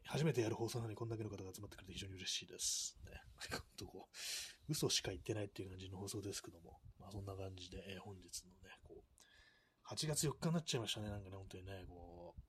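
A man's voice: fairly low pitch, husky. A man hosting a casual solo live stream, rambling and self-mocking, with many fillers. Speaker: live-stream radio host.

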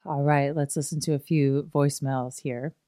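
A woman hosting a yoga podcast, gently guiding a gratitude meditation at home in a conversational, laughing manner. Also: deep voice, fairly even intonation, moderate pace.

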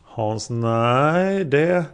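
A man's voice: medium pitch, lively intonation, clear, resonant tone, close to an everyday voice. A man voicing a male taxi driver testifying as a witness, answering in a plain, hesitant way. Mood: calm.

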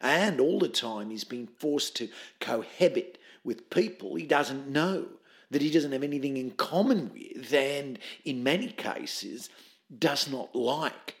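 An actor playing a pompous, theatrical drama-club man interviewed in a mockumentary, who talks in a formal, grandly measured way. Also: medium pitch, husky. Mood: grave.

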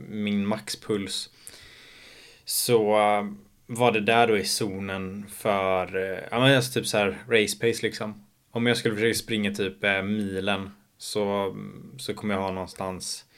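A young man in his twenties, slightly hoarse from shouting, talking alone in a casual monologue podcast, rambling with many fillers and casual swearing. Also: fairly low pitch. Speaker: podcast host.

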